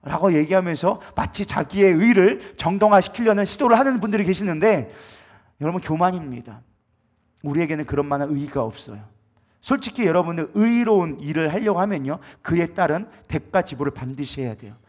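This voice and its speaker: 남자 목사가 회중에게 질문을 던지며 힘주어 설교한다. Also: male voice, a little high, animated, fairly quick, darkish tone. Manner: emphatic, asks the congregation many rhetorical questions. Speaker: pastor. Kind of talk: sermon.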